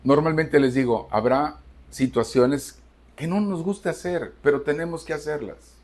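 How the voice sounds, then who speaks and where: A man's voice: a little high, normal speed, a little mellow. A man from Cuba, a pastor preaching a sermon to his congregation and stressing points through repetition. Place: church service.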